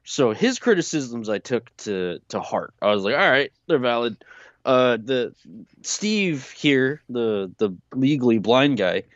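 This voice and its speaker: A man's voice: mid-range voice, very animated, unhurried, no room sound, dull audio. A man co-hosting a podcast, ranting casually and swearing freely. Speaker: podcast co-host.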